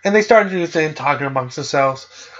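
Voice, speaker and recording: A man's voice: a little high, expressive, normal speed, dull audio. A man hosting a podcast, casually recapping a video game plot in a rambling, filler-heavy way.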